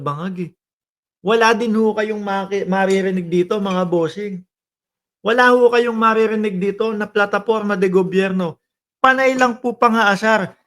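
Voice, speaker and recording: Mocking high-voiced vlogger. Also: male voice, fairly bright tone. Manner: mocking, chatty, addresses viewers as bossing and kababayan. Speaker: political vlogger. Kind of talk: casual political commentary vlog.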